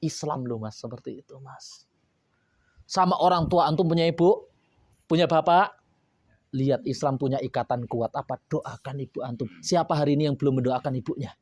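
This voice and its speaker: A man preaching a sermon to boarding school students, coaxing and playful, with lively asides. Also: medium pitch, fairly quick, dry recording.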